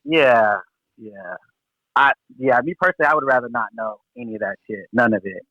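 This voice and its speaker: A man's voice: mid-range voice, a little fast, pushed and bright, no echo. Dull lo-fi recording of a slangy man. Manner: slangy, repeats his phrases for agreement. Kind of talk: casual chat. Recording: dull, lo-fi, radio-like sound.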